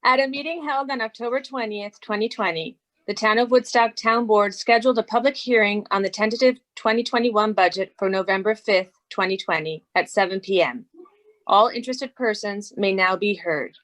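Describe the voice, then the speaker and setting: A woman of middle pitch reads a legal notice aloud for a town board meeting. Her delivery is formal and measured, and she is heard over a video call. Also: fairly bright tone. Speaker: stand-in town clerk.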